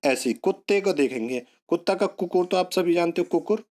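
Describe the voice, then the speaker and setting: A man's voice: high voice, expressive, brisk, a little mellow. A male teacher giving an online exam-prep lesson, repeating words and coaxing students along with memory tricks.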